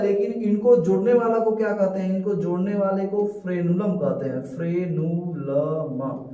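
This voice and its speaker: Guy teaching a class, keeps repeating stuff and quizzing, high voice, sounds far off and kinda muffled. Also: dark tone. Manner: repeats key terms and asks rhetorical questions. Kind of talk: classroom lecture with call-and-response questions. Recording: echoey, distant, dull lo-fi sound.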